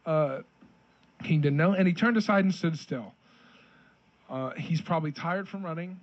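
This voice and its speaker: A man's voice: on the high side, normal speed, highs cut off. A man co-hosting a casual podcast, reading King James verses aloud and then retelling them jokingly in everyday words. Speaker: podcast co-host reading scripture. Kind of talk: casual Bible reading and discussion.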